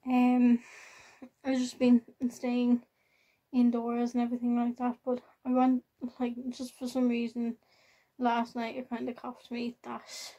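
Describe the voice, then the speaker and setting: A young woman with an Irish accent chats casually to her vlog viewers in a rambling, halting way, often repeating herself. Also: on the high side, completely flat delivery, warm tone, rough recording. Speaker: vlogger. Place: at home, in a room.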